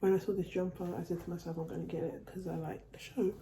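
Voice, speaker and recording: Still recovering from a cold, a woman presents her shopping haul in a casual indoor home vlog, speaking quickly in a warm, lowish voice with little pitch movement. Her chatty delivery includes repeated and restarted phrases, and the recording is reverberant with a bit of background noise.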